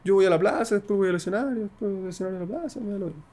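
Animated young Chilean man, higher voice. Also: racing. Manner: slangy, animated storytelling with shouted imitations. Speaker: freestyle rapper guest. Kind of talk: casual interview chat.

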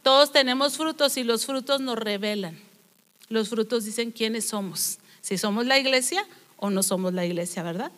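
A woman's voice: on the high side, moderate pace, fairly bright tone, big-room sound. A woman preaching a sermon, earnest and storytelling, with many rhetorical questions. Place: church.

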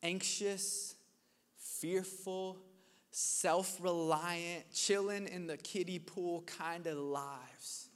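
A young man delivers a sermon in a relaxed, storytelling manner. His voice sits high and sounds bright and forceful. The long reverb of a church hall trails after each phrase. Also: very slow, clear, resonant tone. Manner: conversational, animated storytelling preacher. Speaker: pastor. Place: church hall with live audience.

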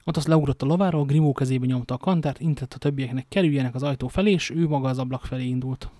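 A man's voice: medium pitch, mellow, no room sound, clean studio sound. A man reading a novel aloud, stumbling now and then and adding casual joking asides. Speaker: amateur reader.

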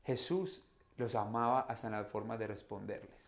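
A man giving a devotional Bible talk, reflective and explanatory, swinging from hushed to loud emphatic peaks. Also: lowish voice, fairly even intonation, moderate pace. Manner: reflective, explains scripture in own words. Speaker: preacher and vocal teacher.

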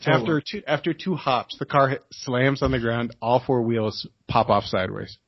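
A man's voice: medium pitch, fairly even intonation, normal speed, lo-fi sound, noisy background. A man telling a story in casual podcast chat, slangy and filler-heavy, laughing often.

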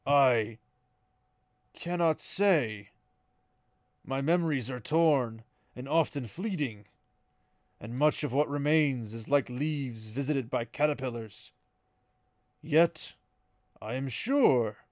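A man putting on a booming ancient Green Man. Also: dry recording, studio quality, close to an everyday voice. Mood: solemn. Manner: slow, solemn, grave. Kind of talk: reading a novel aloud.

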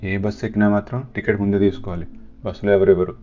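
A man voicing a calm male bus driver who talks in a plain, matter-of-fact way. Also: on the low side, fast, natural voice. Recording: slightly dull, soft guitar behind.

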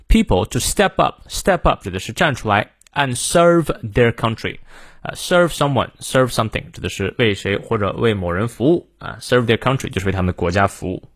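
A man hosting a daily morning English lesson, explaining a sentence word by word and modeling pronunciation slowly. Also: mid-range voice, fairly bright tone, no echo, clean studio sound. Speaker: English teacher and host.

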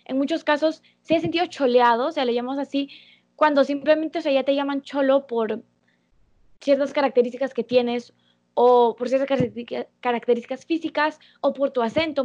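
A young woman with a fairly high voice talks earnestly, explaining at length in a casual conversation. The recording is muffled and lo-fi. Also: a little mellow. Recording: dull lo-fi sound.

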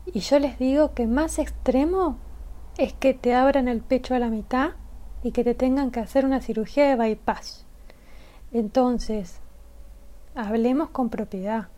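Woman guest explaining health stuff, emphatic, warm dark tone, slightly high pitch. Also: a little slow. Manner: emphatic, persuasive, rhetorical questions. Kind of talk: explanatory interview talk.

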